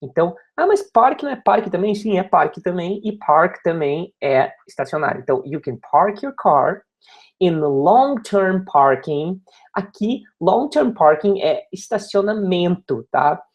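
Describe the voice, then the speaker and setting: A Brazilian man teaching a recorded lesson. He reads each phrase slowly, then explains it quickly, repeating words to drill pronunciation. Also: high-pitched, animated, highs cut off.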